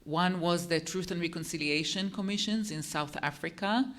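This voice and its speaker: A psychologist on a panel, explaining concepts in a measured academic way. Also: male voice, sits high, a bit bright.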